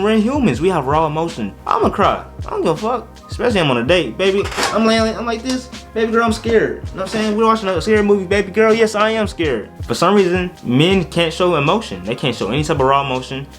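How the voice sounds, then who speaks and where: A young man vlogging his opinions in a blunt, animated way, with swearing and sudden outbursts. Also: mid-range voice. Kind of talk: opinion rant to camera.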